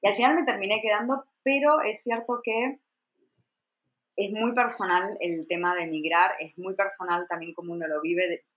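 A woman with an Argentine accent, speaking in a somewhat low voice. She is a podcast guest in her forties, and she chats in a loose, reflective way with plenty of fillers. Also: fairly bright tone, highs cut off. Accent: Argentine Spanish. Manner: chatty and reflective, with frequent fillers. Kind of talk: casual conversation.

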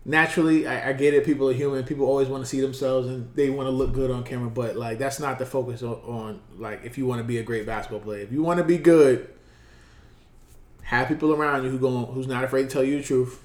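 A man with a mid-range voice gives earnest advice on a casual podcast. His delivery is relaxed and slangy. The recording carries a noticeable room echo. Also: medium pitch, fast talker. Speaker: podcast co-host. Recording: roomy echo.

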